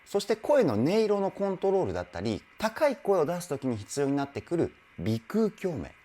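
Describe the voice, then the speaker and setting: A vocal coach reacting to a live performance, excitedly admiring it and then explaining singing technique step by step. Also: medium pitch, normal speed. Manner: enthusiastic, exclaims in admiration between explanations. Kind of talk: reaction video with vocal analysis. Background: faint music from the video being reviewed.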